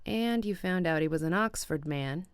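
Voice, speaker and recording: Audiobook read: a woman voicing a wry, teasing young woman, low and smooth. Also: lively intonation, normal speed, no room sound, lightly acted. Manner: dry, teasing, cross. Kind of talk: audiobook reading.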